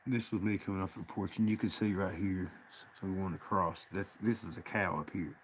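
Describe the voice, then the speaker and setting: A man's voice: low-pitched, steady tone, brisk, a little hiss or hum. A man with an Appalachian accent and a folksy country way of talking, giving casual rambling commentary on a live stream. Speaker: livestream host. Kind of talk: casual rambling commentary over field footage.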